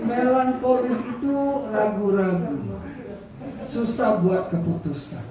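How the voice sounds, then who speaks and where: Animated pastor in an echoey hall. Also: male voice, sits high, takes it slowly, crowd noise. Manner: humorous and animated, acting out quotes. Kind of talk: sermon. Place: church hall. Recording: echoey room from far off.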